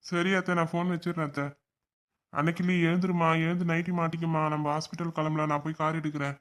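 A man's voice: on the high side, level tone, fast, a bit bright, close to an everyday voice. A man voicing a polite, anxious young husband in a family cartoon. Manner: polite, anxious, repeats respectful address. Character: earnest young husband, soon a father.

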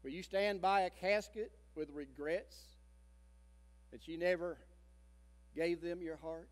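A man in his sixties, a pastor preaching a sermon, telling a story dramatically and swinging between loud emphasis and hushed tones. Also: sits high, steady tone, takes it slowly. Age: 60s. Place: church sanctuary. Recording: long church reverb.

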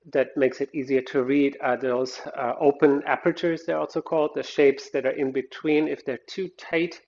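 A man's voice: mid-range voice, creaky, darkish tone, dull audio. A man teaching a design lecture over slides, explaining step by step and often restarting his sentences. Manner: explanatory, thinks aloud with frequent restarts. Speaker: design instructor.

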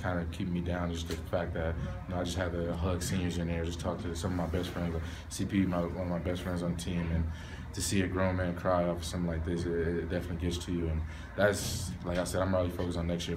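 A young man, a college football player, answering postgame questions in a low-key, candid way from a stadium hallway. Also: little pitch movement, fast talker, few pauses, background noise. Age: young adult. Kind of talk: postgame press interview. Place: hallway of a stadium in front of a sponsor backdrop. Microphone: reporters' recorders held close.

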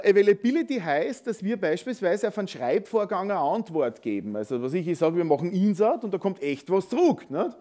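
A man's voice: high-pitched, warm tone. A man with an Austrian accent giving a technical conference talk in a lecture hall, conversational and full of tag questions. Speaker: conference speaker.

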